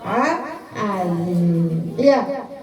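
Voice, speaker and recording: A woman's voice: mid-range voice, lively intonation, extremely slow, roomy sound, far from the mic, a faint crowd. A woman psychology practitioner giving a parenting seminar to mothers, talking to them directly and asking them questions. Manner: addresses the audience directly, asks them questions; acts out parents' lines to children.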